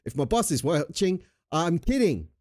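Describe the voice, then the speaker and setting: This livestream comes from an Australian man in recovery from a chest infection, a cough still lingering, who is easygoing, full of jokes and swearing. His pitch is fairly high and sing-song, with a moderate pace and darkish tone, in a dry, clean studio recording.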